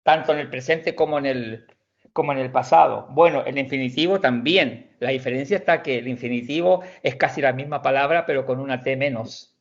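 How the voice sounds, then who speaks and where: A man teaching an online language class, explaining slowly and patiently, with frequent restarts and repeated words. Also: mid-range voice, dull audio. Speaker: Swedish teacher.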